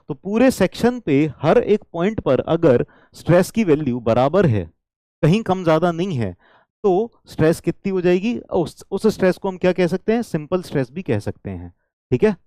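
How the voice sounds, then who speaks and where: Teaching an engineering class, this man has a high-pitched, warm voice, recorded without echo. He frequently checks on his students and goes over key points again, occasionally saying a line in English.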